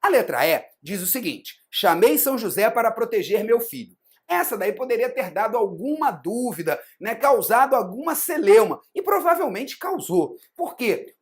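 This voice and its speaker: Brazilian teacher lady walking through grammar answers, keeps asking ok? right?. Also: a little high. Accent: Brazilian Portuguese. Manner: explanatory, frequent tag questions. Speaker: exam prep teacher. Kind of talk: recorded grammar lesson.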